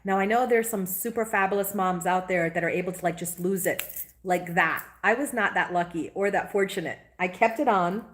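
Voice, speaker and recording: A woman, a spiritual teacher in a casual live-stream chat. She talks in a chatty, animated way and greets viewers by name. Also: lowish voice, a little fast. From Guyana. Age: 40s.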